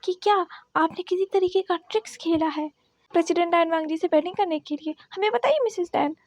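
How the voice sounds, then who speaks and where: Pushy reporters rattle off question after question, quick and insistent, as a woman narrator puts them on. Her voice stays very high and sits close and dry. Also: darkish tone, no room sound.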